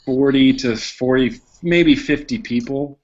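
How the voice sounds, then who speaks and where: A man reminiscing in an easygoing way during casual panel chat, quick to laugh. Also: medium pitch, highs cut off.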